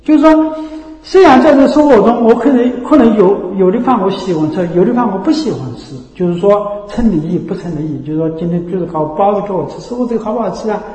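A man's voice: sits high, quick pace, dark tone. A man giving a Buddhist dharma talk as teacher, explaining patiently and often checking that listeners follow. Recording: echoey hall with long reverb.

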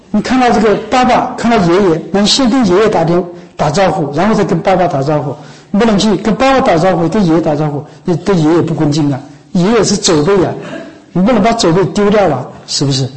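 A man with a fairly high voice gives an informal Buddhist dharma talk. He speaks in a coaxing, conversational way and keeps asking whether his listeners understand. Now and then he breaks off to cough. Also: expressive, brisk, low-quality recording. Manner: conversational, often asks "知道吗？" and "是不是？". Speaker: Buddhist monk teacher. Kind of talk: dharma talk to lay followers.

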